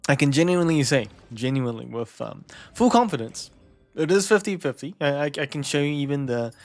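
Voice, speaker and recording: A man's voice: on the high side, expressive, a little fast, faint music behind. A young man with a New Zealand accent chatting casually with stream viewers, easygoing, chuckling often and repeating words. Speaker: game streamer.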